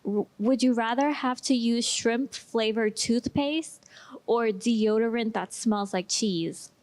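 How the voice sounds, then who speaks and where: A woman's voice: a little high, slow pace, darkish tone. Light-voiced woman reading questions. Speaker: podcast host asking questions. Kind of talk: casual chat.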